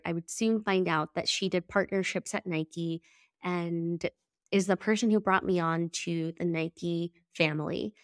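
A woman's voice: on the low side, no room sound, clean studio sound. A woman hosting a solo podcast episode, sounding nasal and congested from a head cold, in an earnest, reflective manner. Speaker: podcast host.

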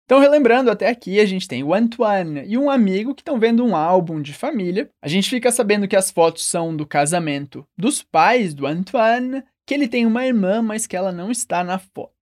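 A Brazilian woman leads a French lesson in Portuguese, drilling short phrases. She says each model sentence slowly and with careful pronunciation, then prompts the listener to repeat. Her voice sits at an ordinary middle pitch for a woman. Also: expressive, a little mellow. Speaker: French teacher.

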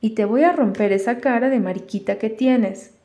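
Brief: woman playing a jeering storybook schoolboy bully, high and loud, mellow tone. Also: normal speed, natural voice. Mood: taunting. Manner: taunting, singsong jeers.

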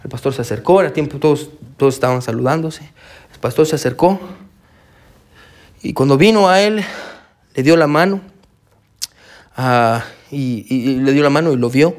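A man's voice: mid-range voice, normal speed, long pauses. A pastor preaching a sermon, telling a story with animation and calling his listeners brother. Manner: animated storytelling, acts out quoted voices.

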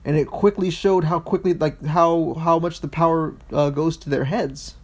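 A man with a somewhat raised voice co-hosts a casual political podcast. He speaks haltingly, with frequent restarts and false starts, and sometimes reads policy text aloud. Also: fairly high pitch, fairly even intonation. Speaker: podcast co-host.

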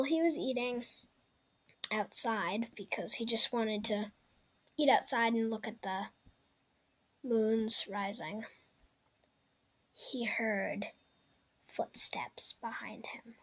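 A woman narrating an improvised story in a halting way, often dropping into a whisper. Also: fairly high pitch.

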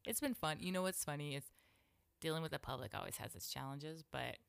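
Woman co-host, low and gravelly, animated storyteller who acts out quotes. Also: a little fast, no room sound. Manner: animated, acts out quotes with pitch jumps and whispers. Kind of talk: casual storytelling chat.

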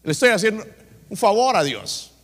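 A preacher putting on a smug boastful Pharisee. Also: male voice, high voice, big pitch swings, normal speed, big-room sound, voice pushed up. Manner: indignant, self-satisfied boasting. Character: smug self-righteous Pharisee man, boastful.

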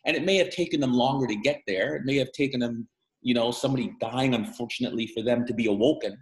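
A man's voice: mid-range voice, fast. A middle-aged man from Guyana, a guest speaking candidly and emphatically over a video call, his voice climbing sharply when he gets angry. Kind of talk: candid interview conversation. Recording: echoey room over a call.

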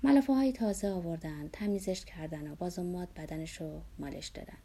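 A woman reading a memoir aloud in a measured, somber way, dropping to a hush at times. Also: lowish voice, slightly rough. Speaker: narrator. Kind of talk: scripted narration of a memoir.

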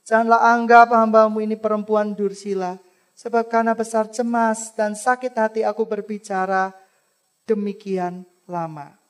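A woman preacher voicing a distressed biblical woman who prays aloud, loud and pleading. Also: medium pitch, flat delivery, close to an everyday voice. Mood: earnest. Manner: loud, pleading, drawn-out prayer. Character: anguished praying biblical woman, earnest.

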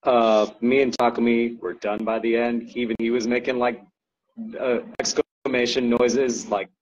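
A man's voice: medium pitch, little pitch movement, moderate pace, dull audio. A man chatting as a podcast guest, rambling with lots of ums and likes and frequent laughs. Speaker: guest co-owner describing an ultra race. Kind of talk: casual podcast chat.

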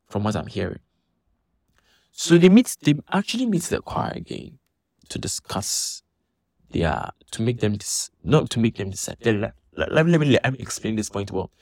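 A man giving an animated, indignant monologue, restarting his sentences often. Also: mid-range voice, husky, no room sound, studio quality. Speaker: church member commenting on a dispute. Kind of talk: casual monologue vlog.

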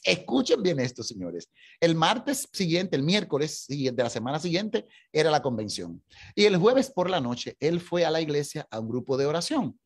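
A motivational speaker tells a story to an audience in a lively voice that rises and falls widely. The tone is slightly husky. He keeps urging his listeners to pay close attention. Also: fairly high pitch.

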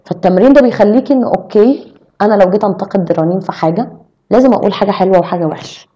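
A young adult woman with an Egyptian Arabic accent, chatting as a podcast guest and explaining things with lively examples. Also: mid-range voice, highs cut off. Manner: animated, explaining with quick examples. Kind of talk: casual chat.

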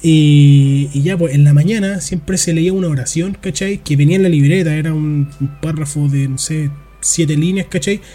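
A man's voice: on the high side, moderate pace, hardly any pauses, mellow. A young Chilean man telling rambling stories in casual podcast chat, full of slang. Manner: rambling storyteller, heavy slang. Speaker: podcast co-host.

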